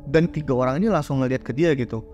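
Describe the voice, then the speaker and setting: A man's voice: mid-range voice, fast, darkish tone, lo-fi sound, faint music behind. A man hosting a horror story show, telling it in a casual, slangy way and acting out the characters' lines. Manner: slangy, chatty, acts out the characters' quoted lines.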